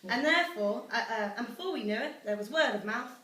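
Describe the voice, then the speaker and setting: Fast and animated, with a fairly high, pushed, bright voice, a young British woman reads a rhyming celebratory speech she wrote herself as the daughter at a family gathering. The sound is from a distant mic in an echoey room with faint noise.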